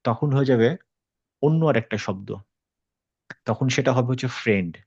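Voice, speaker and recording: A man's voice: mid-range voice, normal speed, vocal fry, darkish tone, breathy edge, no echo, highs cut off. A man teaching a Quran tajweed class online. He explains patiently, drops English words into his talk and stops to check that students follow.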